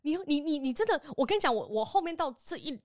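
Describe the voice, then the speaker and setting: A woman in her thirties with a Taiwanese Mandarin accent, co-hosting a podcast and telling stories in a lively, laughing way. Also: high-pitched, no echo, studio quality. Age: 30s. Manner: animated storyteller, quick to laugh. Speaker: podcast co-host. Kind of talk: casual chat.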